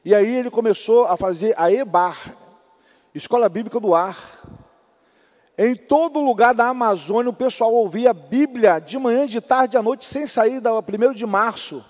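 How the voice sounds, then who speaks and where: A male pastor preaching a sermon from Brazil, swinging between loud exhortation and soft storytelling. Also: very high-pitched, normal speed. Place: large church hall. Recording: long church hall reverb.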